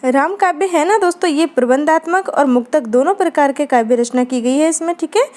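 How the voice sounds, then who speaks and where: Woman lecturer, high and mellow voice, patient explainer who keeps checking in with students. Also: a little fast. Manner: explanatory, frequent "ठीक है दोस्तों" check-ins. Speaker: Hindi literature teacher. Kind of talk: exam-prep lecture.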